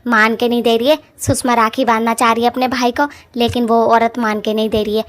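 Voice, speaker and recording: A woman voicing a quarrelsome young witch woman in a cartoon, loud, rough and scolding. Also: very high-pitched, very animated, moderate pace, voice pushed up, heavily acted. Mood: angry.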